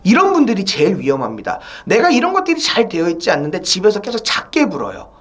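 Lively saxophone teacher, woman. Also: mid-range voice, fast talker. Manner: asks rhetorical questions, many "eo" and "mwo" fillers. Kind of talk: spoken video lesson.

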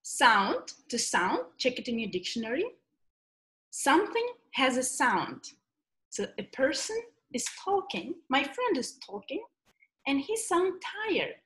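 A woman giving a recorded English grammar lecture, explaining slowly and deliberately with many examples. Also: high-pitched, very animated, fairly bright tone. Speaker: English teacher.

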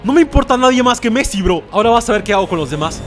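A young man streaming from a small room into a boom mic, sarcastic and hyper, swearing a lot and calling everyone bro. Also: lively intonation, rapid-fire, music in the background. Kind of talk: comedic vlog. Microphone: desk boom mic.

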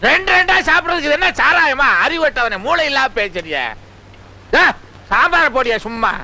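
An actor playing a grumpy, quarrelsome middle-aged wedding guest in a film comedy, talking in a sarcastic, scolding way. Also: male voice, very high-pitched, animated, moderate pace, creaky, pushed and bright, full character voice.

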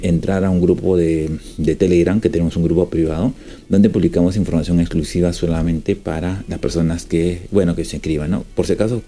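A man's voice: sits low, warm tone. A man, an exam prep tutor, chatty and constantly adding tag questions as he works through exam answers. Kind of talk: lesson solving exam questions.

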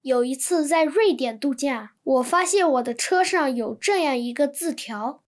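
Woman, high voice, even textbook translation reading. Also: moderate pace. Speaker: Chinese translation reader.

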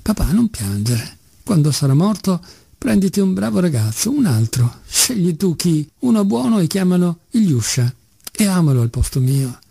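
A man reading the part of a weak, gravely ill little boy in an audiobook. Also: high-pitched, big pitch swings, normal speed, dark tone, no echo, voice pushed up, exaggerated voice. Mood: tender. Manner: weak, pleading.

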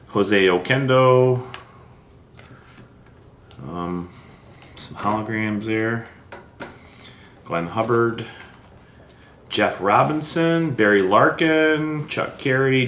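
Background hiss, handling clicks, and a roomy echo fill this recording of a middle-aged American vlogger at a wooden table indoors. Opening vintage sports card packs, he sorts through the collectibles with casual running commentary and playful asides. His voice is lowish and a bit bright.

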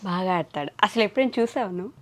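A woman's voice: mid-range voice, expressive, rapid-fire, a bit bright. A young adult woman interviewing a young guest in a playful, teasing way. She chats loosely and laughs often.

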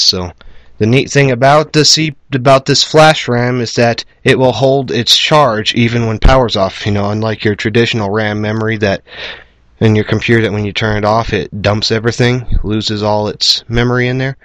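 Showing off his homemade game hardware in a cluttered home room, the video host speaks in a low, fairly bright voice with even intonation at a normal speed. He rambles, talks bluntly and curses now and then. The sound, picked up by a camera mic at shifting distance, has no echo but is noisy and full of clicks.

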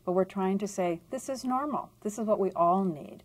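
A woman's voice: medium pitch, moderate pace, darkish tone. A woman in her fifties, a clinic doctor, speaking earnestly in a documentary interview in her office. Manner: earnest, reflective.

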